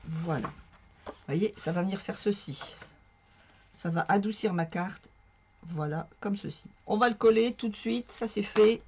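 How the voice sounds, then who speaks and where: A woman with a hoarse, strained voice explaining a card-making tutorial in a chatty, self-mocking way as she works. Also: mid-range voice, unhurried, a little mellow, slight background noise. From northern France. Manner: chatty, talks to viewers while working, self-mocking. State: hoarse from a sore throat. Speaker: craft tutorial host. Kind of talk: casual crafting tutorial.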